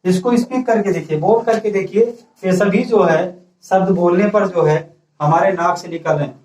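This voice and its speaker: Male teacher, high-pitched, recorded far off in a roomy space, steady dictating classroom delivery. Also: slight background noise. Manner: repeats "ठीक है" and asks students questions he answers himself; dictates slowly for note-taking. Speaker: school teacher. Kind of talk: classroom grammar lesson. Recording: echoey room, voice from far off the mic.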